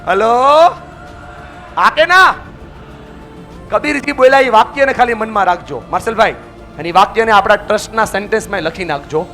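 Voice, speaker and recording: A man giving a motivational speech to a live audience, energetic and calling out to the crowd for answers and chants. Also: sits high, fast talker, soft background music. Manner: leads the audience in loud chants. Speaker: motivational speaker. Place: large event hall with an audience.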